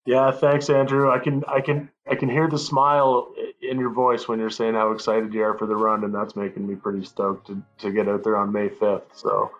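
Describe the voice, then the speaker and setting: Laid-back man, flat voice, dull audio. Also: on the low side, normal speed, hardly any pauses, faint music behind. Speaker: guest musician. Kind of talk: casual interview talk.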